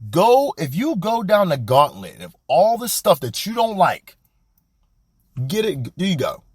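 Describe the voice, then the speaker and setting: This young male podcast host delivers a blunt, colloquial motivational monologue, animated and preachy in manner. His voice is high with a breathy edge and a measured pace, recorded at studio quality with no room sound.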